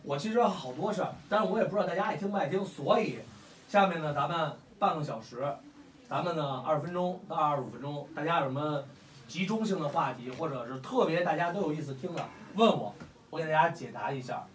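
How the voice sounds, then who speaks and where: Pitched on the high side, this man talks fast as he hosts a gathering of fight fans. He's in his forties, speaks Beijing Mandarin, and addresses the crowd casually, bluntly, and heatedly, swearing often. The recording has an echoey room sound with the mic placed far away.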